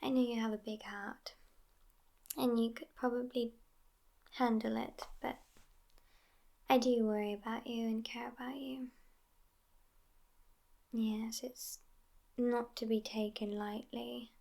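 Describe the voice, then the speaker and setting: A woman performs a full character voice as an affectionate, sassy immortal vampire girlfriend in an ASMR roleplay, speaking slowly with frequent pauses. Her fairly high voice is hushed, often whispered, languid and even, with gravelly creak at the edges, sounding tender and reassuring.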